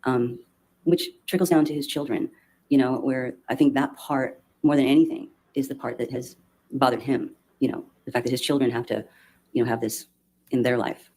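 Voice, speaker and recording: A man giving courtroom testimony as a witness, hesitant and halting. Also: mid-range voice, steady tone, darkish tone.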